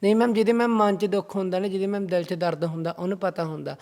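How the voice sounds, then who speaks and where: A young man who writes poems talks about them in a casual interview, speaking earnestly and calling the interviewer ma'am in nearly every phrase. His high-pitched voice is steady, fast and darkish in tone, with slight background noise.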